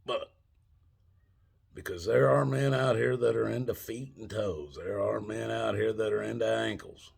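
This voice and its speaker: An older man rants to his viewers in back-in-my-day fashion. His voice is lowish, husky and full of gravel. He takes his time, speaking haltingly in folksy, plain words. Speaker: video channel host. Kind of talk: old man's back-in-my-day rant; informal monologue to viewers.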